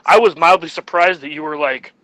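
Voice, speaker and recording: A man's voice: fairly high pitch, fairly quick, a bit bright, no room sound, low-quality recording. A man co-hosting a podcast in casual chat, rambling and jokey. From United States. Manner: rambling and jokey, laughs at his own jokes. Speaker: podcast co-host.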